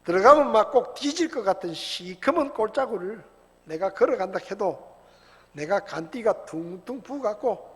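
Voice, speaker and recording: A man plays a boisterous, rough-spoken Gyeongsang countryman, booming out a psalm in a hearty folksy voice. The voice sits high and a little husky. It rings with the long reverb of a church hall. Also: full character voice. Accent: Gyeongsang dialect, put on. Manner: loud, hearty, rustic folksy delivery.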